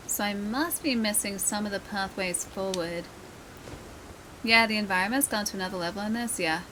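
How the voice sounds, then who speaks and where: During a game stream, a woman gives relaxed commentary, laughing frequently, in a mild Australian accent with a slightly nasal, sharp-toned voice. Her pitch is medium and her pace moderate. The low-quality recording has a little hiss or hum.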